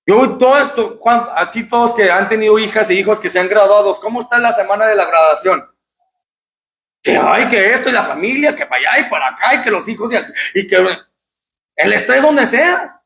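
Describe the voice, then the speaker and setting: A man, a pastor, giving an impassioned sermon, repeating phrases and shouting at the high points. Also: expressive, a little fast. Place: church. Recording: echoey church hall.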